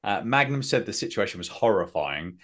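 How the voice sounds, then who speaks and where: Man, lowish pitch, casual recap chat, rambling, filler-heavy. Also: sing-song, brisk, a bit bright. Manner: rambling, self-mocking, many fillers. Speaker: podcast host.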